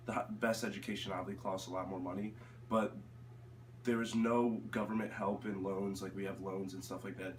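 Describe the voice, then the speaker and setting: Recorded far from the mic in a roomy space with faint noise, a young American man gives casual interview answers. His voice is fairly low, and he speaks hesitantly, groping for the right words.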